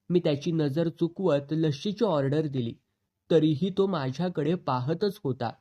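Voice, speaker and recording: A man narrating a novel in the first person, with expressive storytelling. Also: on the high side, muffled recording. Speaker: audiobook narrator.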